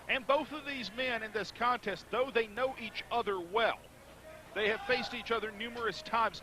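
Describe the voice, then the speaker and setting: A man doing live wrestling play-by-play in measured, articulate, formal phrasing. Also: very high-pitched. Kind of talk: live sports commentary. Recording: noisy live event recording.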